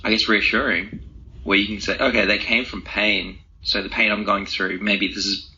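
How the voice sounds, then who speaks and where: This interview guest, a young man who is an author and speaker, thinks aloud in casual, informal, reflective answers. His lowish voice moves little in pitch and comes at a normal speed, bright and forceful. Slight background noise sits under dull, lo-fi audio.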